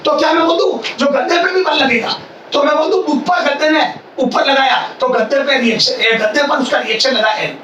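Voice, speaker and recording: A man with a high, bright voice teaches physics to a classroom of students, nearly shouting as he drills each point again and again and quizzes them. His brisk lecture is picked up from a distance in an echoey room, a faint hiss underneath. He keeps making sure the class is keeping up.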